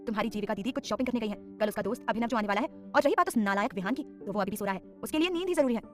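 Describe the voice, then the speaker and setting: A woman's voice: a little high, expressive, rapid-fire, soft background music, lightly acted. A woman voicing a firm, scolding mother of about forty-five.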